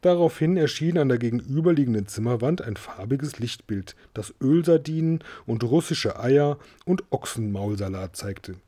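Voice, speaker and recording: A man reads a storybook aloud with a steady, even-toned delivery. His voice sits in a middle pitch and is mellow and soft rather than bright. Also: moderate pace, hardly any pauses. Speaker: audiobook reader. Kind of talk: storybook reading.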